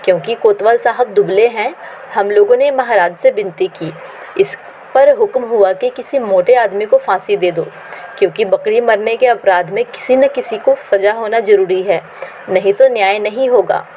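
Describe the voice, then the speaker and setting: Woman reading as a gruff bullying soldier. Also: medium pitch, moderate pace, dark tone, a little hiss or hum, natural voice. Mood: explaining. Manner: gruff, ordering about. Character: rough bullying male soldier.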